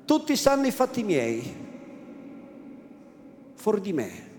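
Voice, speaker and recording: A man's voice: high voice, huge pitch swings, slow pace, darkish tone, slight background noise, voice pushed up, heavily acted. A man voicing an old, timid, frightened village priest who pleads in a fearful, rising voice, in an echoey room. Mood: fearful pleading. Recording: echoey room, faint ambience.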